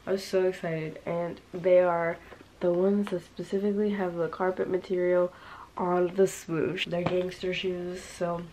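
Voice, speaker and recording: A woman's voice: on the low side, little pitch movement, a little slow, dark tone, slight background noise. A teenage girl in her bedroom, chatting in a casual haul vlog, bubbly and rambling with lots of fillers. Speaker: vlogger.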